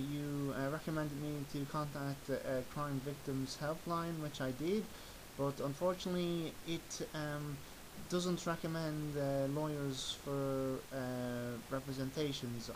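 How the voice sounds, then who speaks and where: A man leaving a hesitant voicemail as a caller, pausing often with fillers. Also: fairly high pitch. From Ireland. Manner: hesitant, full of pauses and fillers. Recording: loud hiss on the line.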